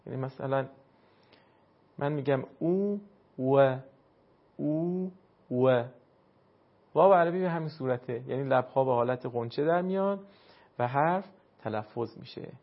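A man teaching pronunciation of Arabic letters for recitation, patiently explaining and slowly demonstrating sounds. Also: mid-range voice. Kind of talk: instructional lesson. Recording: dull lo-fi recording.

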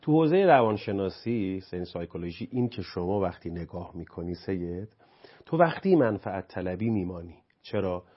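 A man's voice: deep voice, big pitch swings, muffled recording. A man who teaches anger management, explaining his ideas in a talk-show conversation. He keeps asking and answering his own rhetorical questions and grows emphatic as he lists examples.

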